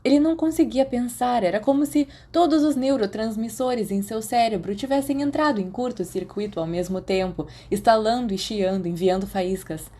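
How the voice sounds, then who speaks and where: A Brazilian woman narrates a fan fiction podcast, shifting between expressive audiobook reading and casual chat with her listeners. Her warm voice sits on the high side, flowing at normal speed with hardly any pauses.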